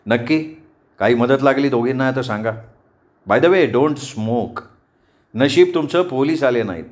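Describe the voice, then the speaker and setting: A man voicing a relaxed, amused young male student neighbor who likes giving advice. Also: medium pitch, measured pace, lightly acted.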